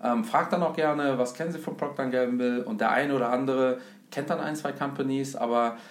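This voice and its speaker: A man's voice: medium pitch, a little fast. A German man hosting a casual talk about investing, who explains step by step with many fillers. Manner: thoughtful, frequent fillers, lecturing tone. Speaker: host. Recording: echoey room.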